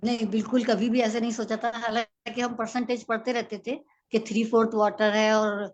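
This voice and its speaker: A woman student answering her teacher in an online class. She speaks hesitantly and pauses often. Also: a little high, flat delivery, lo-fi sound. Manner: hesitant, many pauses and fillers. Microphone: online class microphone.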